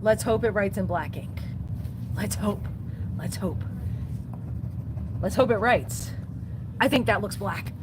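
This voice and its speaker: The record store owner reads out viewer comments on her livestream in the same chatty, upbeat manner, dropping "so yeah" often. This time her mid-range voice moves slowly, with long pauses, over a noisy background.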